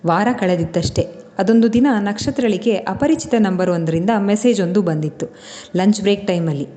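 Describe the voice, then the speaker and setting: A woman host narrating a serialized family story in a steady, expressive way. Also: medium pitch, moderate pace. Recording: long reverb.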